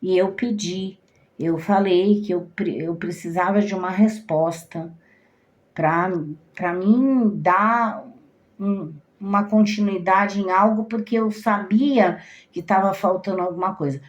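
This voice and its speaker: A woman's voice: mid-range voice, takes it slowly. A Brazilian woman, a cigana card reader, casually telling her viewers a personal story, with frequent repetitions and trailing off mid-phrase. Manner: animated, repeats herself, trails off.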